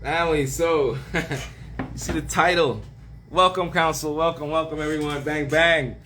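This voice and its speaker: A man hosting a casual livestream, greeting viewers by name with slang shout-outs and laughing often. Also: fairly high pitch, steady tone, a little hiss or hum. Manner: laughs often, drawn-out words. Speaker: livestream host.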